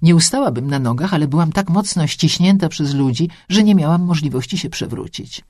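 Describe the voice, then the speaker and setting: A woman narrating a first-person story with a lively, expressive reading. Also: low-pitched, a little fast, no room sound, studio quality.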